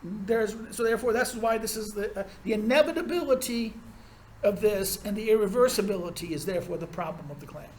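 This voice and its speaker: A male university lecturer with a fairly high voice talks through a classroom lecture in a rambling, sardonic way, often restarting his sentences. The sound carries the echo of a roomy lecture hall. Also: fairly quick, darkish tone, a little hiss or hum.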